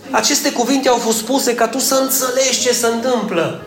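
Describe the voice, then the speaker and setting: A man's voice: extremely high pitch, steady tone, reverberant, over music. A male pastor, preaching a humorous sermon, acting out little scenes and calling on listeners by name. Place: church, indoors.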